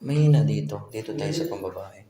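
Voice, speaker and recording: A man's voice: lowish voice, a little fast, reverberant, big-room sound, background noise. A man hosting a ghost hunt, speaking coaxingly and directly to unseen spirits inside an old building at night. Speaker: ghost hunter host. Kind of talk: on-site paranormal investigation talk.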